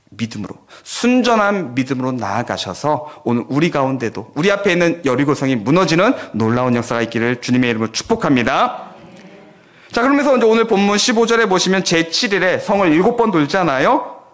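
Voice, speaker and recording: A man preaching a sermon at a church prayer meeting. He tells a vivid story and acts out the voices of the people in it. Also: fairly high pitch. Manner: animated storytelling, acting out quoted voices. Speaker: pastor.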